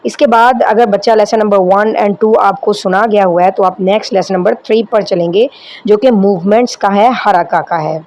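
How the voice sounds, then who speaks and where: A woman with a Pakistani accent talks through an online Quran teaching lesson. Her voice sits at an ordinary middle pitch, and she explains in a calm, instructive way. She keeps checking in with her listeners as she goes. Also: poor audio. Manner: explanatory, checks in with repeated rhetorical questions. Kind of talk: instructional lesson, mixing Urdu with slowly read English lines.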